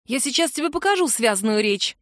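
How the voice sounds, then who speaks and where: Female narrator doing a cranky, half-asleep young woman, pitched up and huffy. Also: animated, a little fast, fairly bright tone, no room sound, studio quality. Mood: sleepy mocking. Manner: indignant, exaggerated exclamations. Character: sleepy grumpy young woman, sharp-tongued friend.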